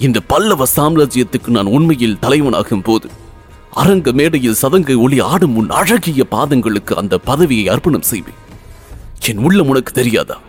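A young crown prince, played by a man narrating a storybook, who speaks briskly and shifts from mockery to pleading. His voice sits at a plain middle pitch. Faint music hums under the reading. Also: expressive, natural voice. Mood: chiding. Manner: brisk, mocking and pleading by turns. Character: young crown prince, teasing then earnest.

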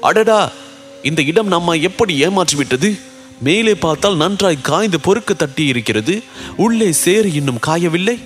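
A man's voice: high-pitched, animated, normal speed, faint music behind, pitched above the performer's own voice. A man voicing a vain, witty young warrior who jokes and cries out dramatically. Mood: alarmed. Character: boastful witty young male warrior, playful.

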